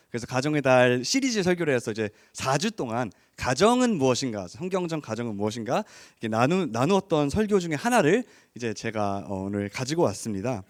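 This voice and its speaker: A man's voice: mid-range voice, big pitch swings, fairly quick, hardly any pauses, no room sound, clean studio sound. A man preaching a sermon in an informal, explanatory way, sprinkling English words into his talk. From Korean raised abroad. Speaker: preacher, associate pastor of an English-language congregation.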